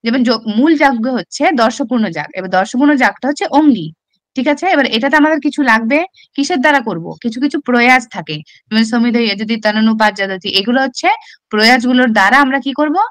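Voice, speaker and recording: A woman's voice: high voice, lively intonation, quick pace, dry recording. Bengali woman giving an exam-prep lecture. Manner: explains step by step with frequent rhetorical questions. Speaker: teacher.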